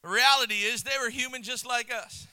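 A male missionary preacher delivering a sermon, telling the story with animation, chuckling between points and swinging into shouts. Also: extremely high pitch, steady tone, fairly quick, clean tone, no echo, poor audio.

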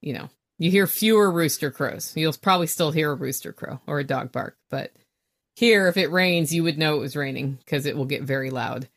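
A woman with a slightly low voice speaks in an informal interview. Her delivery is chatty and plain-spoken, in everyday conversational phrasing. She is recorded inside a small camper trailer. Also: fairly quick. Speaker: podcast guest, homesteader.

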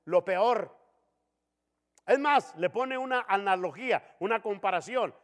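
A man preaching a sermon as pastor in a church, animated, acting out the voices of people in his examples. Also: high voice, measured pace, in a large hall. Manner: animated, acts out dialogue voices.

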